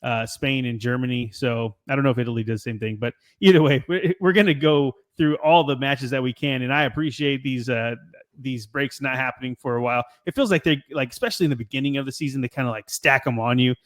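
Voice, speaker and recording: A young man hosting a soccer podcast in a relaxed, rambling casual chat who laughs easily. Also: medium pitch, fast talker. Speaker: podcast host.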